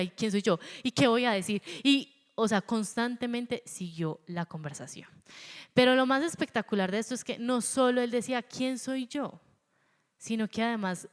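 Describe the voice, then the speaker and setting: A woman with a Colombian accent preaching a sermon, animated and acting out the voices she quotes. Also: mid-range voice. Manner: animated, acts out quoted voices, stutters for effect. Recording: long hall reverb.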